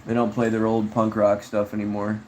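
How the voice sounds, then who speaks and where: A man's voice: on the low side, completely flat delivery, normal speed, darkish tone, slight background noise, rough recording. A man chatting casually on a livestream, rambling laid-back about viewer comments and calling people bro and dude. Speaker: streamer.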